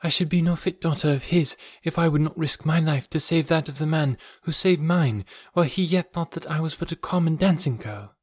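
Brave young chieftain's daughter, hushed and earnest, set noticeably higher and softer by a male narrator; storybook reading. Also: a little fast, few pauses, slightly rough, no room sound, clean studio sound. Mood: proud. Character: daring young female desert chieftain's daughter.

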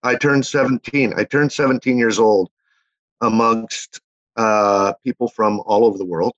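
A man's voice: fairly low pitch, steady tone, unhurried, dry recording. Canadian guy in his 50s rambling thru old stories, lots of uhs, kinda muffled dry audio. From Winnipeg, Manitoba, Canada. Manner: rambling storyteller, many fillers and restarts. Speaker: interview guest. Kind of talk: casual chat, reminiscing.

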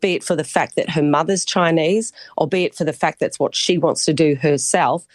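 A woman's voice: sits low, fairly quick, dry recording, clean studio sound. A woman with a broad New Zealand accent giving a chatty, articulate and emphatic sports report as a commentator on a live radio cross.

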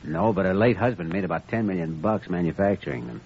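A man's voice: low-pitched, fast, creaky, a little mellow. A man acting a wry, persuasive doctor who teases his colleague, in a casual old-time radio drama style. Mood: sly, teasing. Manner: sly, casual, teasing. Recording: dull, hissy old radio recording.

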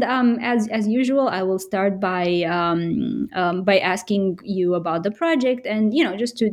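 A woman hosting a book podcast, greeting her guest and asking questions in a friendly, halting way. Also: mid-range voice, darkish tone. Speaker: podcast host. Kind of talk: podcast interview.

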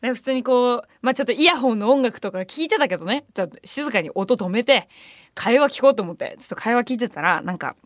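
Fast-talking young woman radio host. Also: on the high side, no room sound, studio quality. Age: young adult. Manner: animated storytelling, laughs often, mock retorts. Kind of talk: casual chat. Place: radio studio. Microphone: studio microphone.

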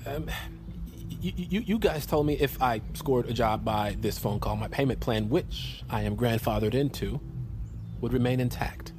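An actor playing a glib, evasive young male slacker in a comedy, rambling and stammering in a deadpan way. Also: medium pitch, moderate pace, noisy background, close to an everyday voice. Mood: evasive, nervous. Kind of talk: comedy film acting.

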